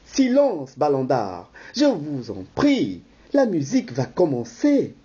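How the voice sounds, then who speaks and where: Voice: mid-range voice, huge pitch swings, slow pace, warm tone, slightly rough, highs cut off, voice pushed down, exaggerated voice. A reader voicing a bustling, social-climbing host in a rehearsal read-through of a play. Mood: hurried.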